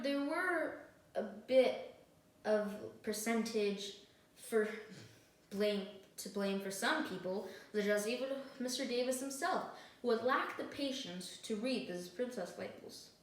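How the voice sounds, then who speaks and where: A woman's voice: mid-range voice, unhurried. Woman doing a closing argument like a student lawyer, earnest n emphatic, mic kinda far, super echoey. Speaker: student mock trial defense attorney. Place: echoey indoor room, recorded from a distance. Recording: very echoey room, distant microphone.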